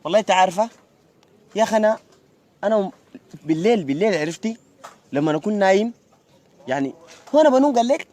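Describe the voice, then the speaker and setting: A man playing a smooth-talking Sudanese student. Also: high voice, lively intonation, very fast, pauses often, darkish tone. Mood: charming. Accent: Sudanese Arabic. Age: young adult. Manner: chatty, keeps saying "you know?". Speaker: university student.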